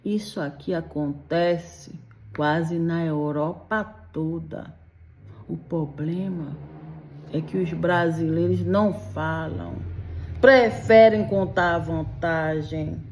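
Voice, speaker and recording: Addressing her audience directly, a Belgian vlogger gives Brazilian migrants warnings in an opinion monologue. She's a middle-aged woman with a low, darkish voice and a slow pace, and a little hiss or hum is audible. Her manner is emphatic and admonishing, full of tag questions.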